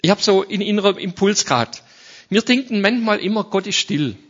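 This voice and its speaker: A man preaching a sermon to a congregation, reading scripture aloud and speaking directly to his listeners, swinging from soft asides to loud passages. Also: high voice, expressive, normal speed. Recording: dull lo-fi sound.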